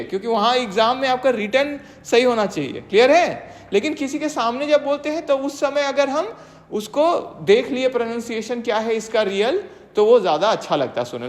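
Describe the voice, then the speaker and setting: A teacher in a steady lecture mode, spelling out each definition slowly before unpacking it. Tag questions keep coming to make sure everyone is following. The voice sits at an ordinary pitch, and a long reverb trails after every phrase. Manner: reads English definitions slowly, then explains them in Hindi; checks understanding with frequent tag questions. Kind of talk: exam-prep classroom lecture. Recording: long reverb, echoey room.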